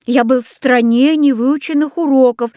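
An earnest young schoolboy, quiet and pleading, in a high voice, as a woman reads him in a storybook. The recording is dry and close. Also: steady tone, normal speed, no room sound, lightly acted.

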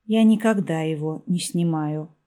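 A woman voicing a gaunt, hooded male shopkeeper who speaks in a quiet, breathy half-whisper with an aloof, formal manner. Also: low-pitched, unhurried.

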